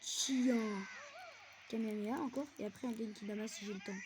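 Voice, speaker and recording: A woman's voice: medium pitch, rapid-fire. Chatty young woman gaming, noisy phone audio. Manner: chatty, bursts into excited yelps while playing. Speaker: gamer. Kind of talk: casual gameplay commentary.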